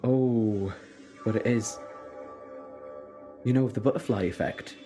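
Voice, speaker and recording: A man acting a brooding, self-reproachful time-travelling Doctor in an audio drama, with deliberate, halting, theatrical phrasing. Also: lowish voice, music in the background, lightly acted. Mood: grave, regretful.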